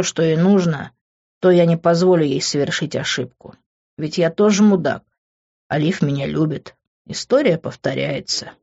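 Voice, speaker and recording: A woman calmly narrating an audiobook in first person. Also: low-pitched, highs cut off.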